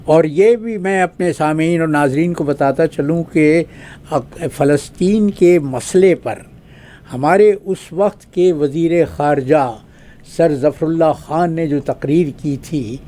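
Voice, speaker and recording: An older Pakistani man, a retired diplomat appearing as a guest analyst, delivers formal spoken commentary. His slightly high but mellow voice moves at a measured pace, with long pauses and drawn-out fillers between points.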